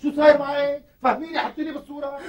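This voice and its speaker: A harried, coaxing husband. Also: male voice, extremely high pitch, little pitch movement, rapid-fire, dull audio. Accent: Syrian Arabic. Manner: coaxing, exasperated, sweet-talking. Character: harried husband caught between two wives. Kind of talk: TV comedy acting.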